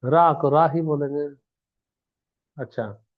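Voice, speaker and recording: A man's voice: on the high side, slow. Tinny-sounding male teacher, question-and-answer lecturing. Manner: asks questions and answers them himself. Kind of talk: exam-prep lecture.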